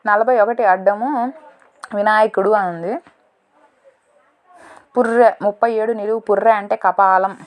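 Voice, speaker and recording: A woman solving a word puzzle in a casual lesson, thinking aloud, slow and deliberate, correcting herself as she goes. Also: mid-range voice, fairly even intonation. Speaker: teacher solving a crossword.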